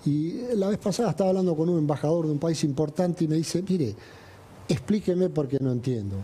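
An Argentine man speaks in emphatic, listing declarations as an interviewee. His voice is dark and somewhat husky. It is heard in a replayed interview clip. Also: fairly high pitch, brisk. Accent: Argentine Spanish. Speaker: business chamber president in a played interview clip. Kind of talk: interview answers.

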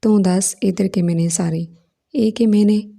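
A woman voicing an earnest young married woman who sounds ill, with soft pleading questions, in a storybook reading. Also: medium pitch, fairly even intonation, normal speed, vocal fry. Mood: eager.

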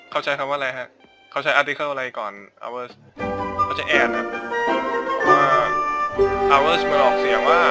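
A man giving casual let's-play commentary, rambling and thinking aloud as he goes, often repeating words while he decides what to do next. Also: mid-range voice. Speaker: gaming YouTuber. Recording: game music clearly behind the voice.

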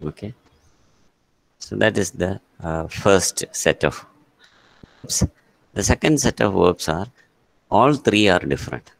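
His lowish voice is expressive, with drawn-out words and frequent pauses, recorded with no echo. A man with a Malayali accent, he teaches English grammar online, switching between Malayalam and English and calling students by name.

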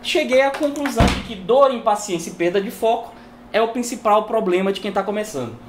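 A woman's voice: on the high side, lively intonation, a little fast, slight background noise. A woman teaching guitar in a casual video lesson, chatting and tagging her sentences with a questioning "né?" while she demonstrates on the guitar at home.

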